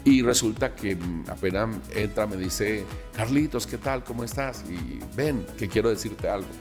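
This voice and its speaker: A man, a pastor from Colombia, recounting a personal testimony and acting out the dialogue in an animated way. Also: on the low side, normal speed, long reverb tail, music in the background.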